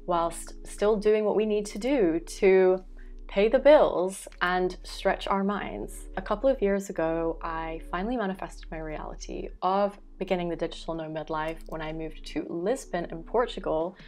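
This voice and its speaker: A woman's voice: fairly low pitch, normal speed, a little mellow. A young woman from Belgium, a vlogger and life coach, talking earnestly to camera about her life, thoughtful with occasional fillers and self-corrections, in a small room at home. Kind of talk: reflective talking-head vlog. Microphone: fixed camera, framed chest-up.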